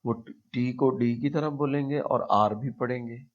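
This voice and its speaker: A man with a Pakistani accent teaching a pronunciation lesson, speaking slowly and deliberately and repeating example words to demonstrate them. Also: medium pitch, fairly even intonation. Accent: Pakistani Urdu-speaking. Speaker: English teacher. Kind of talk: explanatory language lesson. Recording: dull lo-fi recording.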